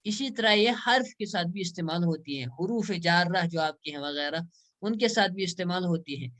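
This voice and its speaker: A man teaching Arabic grammar in an online class. He explains step by step, says example words slowly, and often checks with "right?". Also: high voice, a bit bright.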